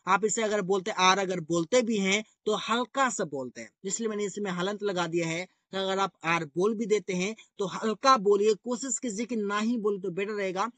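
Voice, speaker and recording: A man's voice: sits high, normal speed, few pauses, sharp tone, no room sound. A man teaching English grammar rules in a repetitive, explanatory way, often calling his viewers guys.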